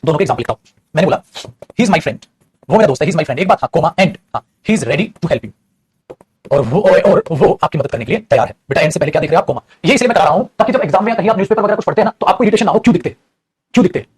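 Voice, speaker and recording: A man's voice: on the high side, animated, racing, a little mellow, breathy edge. A man with an Indian accent teaching an English grammar lesson in Hindi, repeating each point and calling his students "beta".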